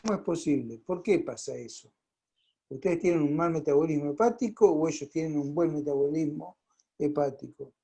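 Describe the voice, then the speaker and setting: Argentine male lecturer, warm mellow voice, chatty, checks the class often, video call mic. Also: on the high side, creaky, husky, low-quality recording. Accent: Argentine Spanish. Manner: conversational, fills pauses and checks in with the class. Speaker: pharmacology lecturer.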